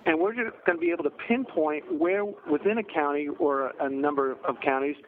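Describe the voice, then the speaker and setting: Phone-in guest: man with a higher voice, patient explainer, heard over a tinny phone line. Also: moderate pace, a little hiss or hum. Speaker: meteorologist in charge of a local weather office.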